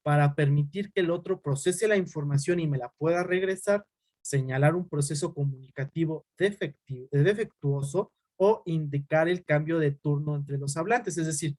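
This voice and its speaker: A young adult man teaching an online class, talking quickly and often checking in with his students. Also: fairly high pitch, darkish tone, no echo. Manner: fast-talking, uses "¿sale?" as a tag.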